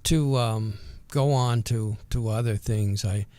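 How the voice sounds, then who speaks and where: An older man with a natural Vermont accent and rural twang, reminiscing casually and hesitantly in a folksy, unhurried way as an interview guest. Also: fairly low pitch, a little mellow, no echo.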